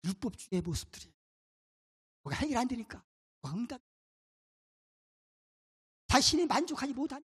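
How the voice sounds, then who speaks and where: A man's voice: very high voice, very animated, moderate pace, pauses often, a bit bright, breathy edge, long reverb tail. A male pastor delivering a sermon in an emphatic way, putting rhetorical questions to his congregation.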